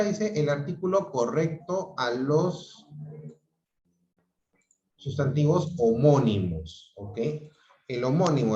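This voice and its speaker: A male teacher gives an online grammar class in an unhurried, deliberate way, pausing to check that students follow. His voice comes through roomy and a little muffled, like dull lo-fi video call audio. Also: a little high, a little mellow. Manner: explains patiently, checks in with "¿ok?" and "¿no?".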